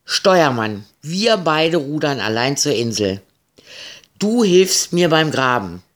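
A man voicing a gruff, hot-tempered male pirate captain who barks loud orders. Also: a little high, sing-song, slow, voice pushed up, heavily acted. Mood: commanding.

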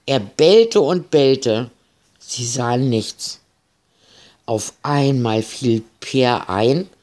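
A man reading a children's story aloud, gentle and expressive. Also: mid-range voice.

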